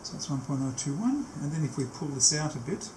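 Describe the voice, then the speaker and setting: Very animated and fairly high in pitch, a man in his sixties walks through setting up a tape machine in an unscripted, hands-on demo. He explains each step and pauses frequently while working. It's picked up by a camera mic in a small, cluttered indoor workshop, with echo and faint background noise.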